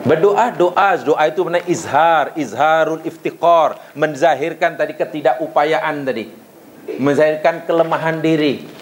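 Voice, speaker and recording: Lively preaching Malaysian man. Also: fairly high pitch, normal speed, slight background noise, rough recording. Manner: lively preaching with rhetorical questions and acted prayers. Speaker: religious lecturer. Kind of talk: religious lecture.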